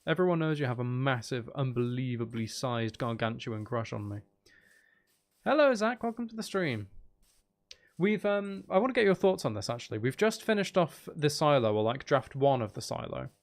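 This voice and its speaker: Hosting a live gaming stream, this man talks casually in a mid-range, sing-song voice at normal speed. He aims playful, teasing banter at his viewers.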